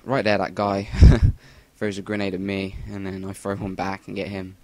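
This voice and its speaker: A young English man with a low, completely flat, slightly mellow voice gives rambling, sweary voice-over on a shooter game at a moderate pace. The gameplay commentator is recorded dry, with no room sound, on a cheap Rock Band USB mic.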